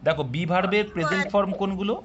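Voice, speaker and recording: A man's voice: high voice, fairly even intonation, rapid-fire, muffled recording, a crowd in the background. A man teaching an exam-prep class live, quizzing his students and explaining step by step, sometimes scolding them for answering early. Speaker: English teacher for exam coaching.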